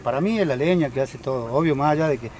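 A man's voice: medium pitch, quick pace, a little mellow, slight background noise, rough recording. A man who cooks at a small roadside restaurant, chatting proudly and explaining how he makes the food. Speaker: empanada cook at a roadside restaurant. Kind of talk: casual chat.

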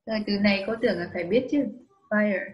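A woman's voice: medium pitch, fast, dull audio, slight background noise. A woman teaching English online with a Vietnamese accent, patiently dictating and spelling words letter by letter. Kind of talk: slow dictation lesson for a child.

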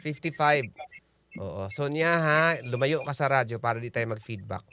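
A man's voice: mid-range voice, moderate pace, sharp tone, clear, resonant tone, no echo. A man hosting a call-in radio show, teasing callers and laughing often. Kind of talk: playful call-in radio banter. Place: radio studio.

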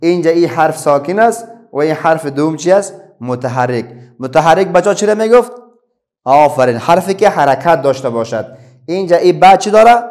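A man's voice: on the high side, animated, a little mellow. A middle-aged man with an Afghan Dari accent teaching a children's reading lesson, patiently asking questions and then answering them himself.

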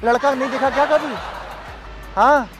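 A man's voice: extremely high pitch, steady tone, normal speed, a crowd in the background. A young man pranking a stranger outdoors, teasing her and reciting playful love couplets. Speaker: prankster host. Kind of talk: street prank banter. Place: outdoors in a park. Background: background music.

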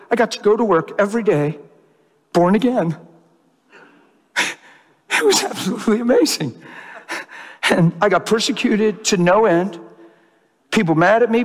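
A man preaching a sermon, telling a story with animated energy and acting out the dialogue. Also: sits high. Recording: long hall reverb.

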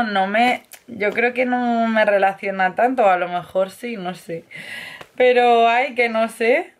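Chatty young woman vlogging. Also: a little high. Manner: chatty, affectionate, breaks into baby talk. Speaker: vlogger mother. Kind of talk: casual family vlog.

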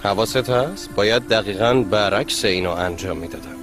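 A man dubbing an earnest low-voiced husband. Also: over music, close to an everyday voice. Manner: earnest, reasoning.

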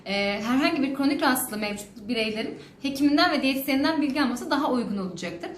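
Fast, high-voiced woman in echoey room. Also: lively intonation. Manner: formal, orderly explaining. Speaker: dietitian. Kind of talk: informational advice to viewers. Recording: echoey room with faint noise.

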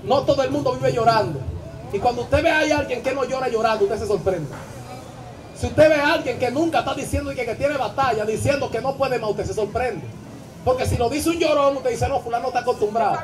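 A man preaching an impassioned live sermon, shouting and chanting his exhortations in a sing-song way. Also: extremely high pitch, brisk, noisy background. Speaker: evangelist preacher. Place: church service. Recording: live church audio with music and crowd. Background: music and congregation.

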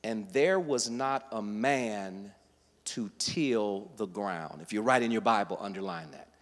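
A man preaching a sermon, teaching verse by verse and building to loud, emphatic passages. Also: fairly low pitch, a little slow, long reverb tail. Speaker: guest preacher. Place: church sanctuary.

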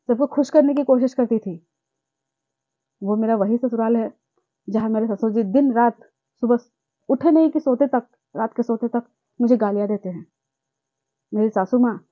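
In a personal vlog, a young woman talks about her life with indignant passion, repeating herself as she goes. Her voice is a little high, and the sound is tinny and phone-like with no room sound.

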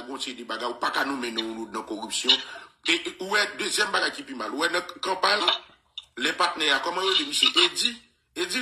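A man's voice: mid-range voice, pushed and bright, echoey room, poor audio. A man with a Haitian accent in casual radio talk, often stammering on repeated words and dropping in English ones.

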